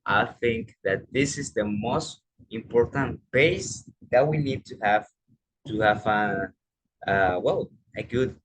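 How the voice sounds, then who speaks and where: A man's voice: on the low side, takes it slowly, breathy edge, low-quality recording. A young man speaking English, giving an earnest motivational talk full of restarts and fillers. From Panama.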